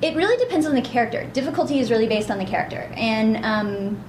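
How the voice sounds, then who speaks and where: A woman with a young-sounding, fairly high voice chats in a bubbly, upbeat way during a casual interview about her work as a voice actress. Her intonation is lively and her pace quick. The room is echoey, with background noise.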